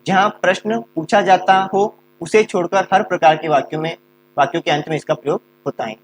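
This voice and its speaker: A man's voice: high voice, fairly even intonation, brisk, a little hiss or hum. A man teaching a grammar lesson, explaining step by step and answering his own questions.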